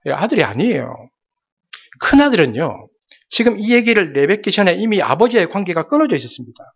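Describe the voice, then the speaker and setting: A man's voice: high voice, lo-fi sound. A male pastor preaching a sermon, speaking dramatically and addressing the congregation directly.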